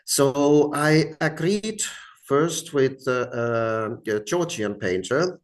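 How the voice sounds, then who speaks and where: Slow, halting man with non-native English accent. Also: medium pitch, expressive. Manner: very hesitant, halting, with many long filled pauses and repeated words. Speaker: speaker giving a talk, art collector. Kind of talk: informal lecture, personal storytelling.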